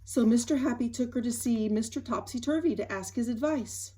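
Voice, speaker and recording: Woman storybook reader, slightly high, breathy, expressive. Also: brisk. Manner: expressive, gentle, animated emphasis. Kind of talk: children's storybook read-aloud.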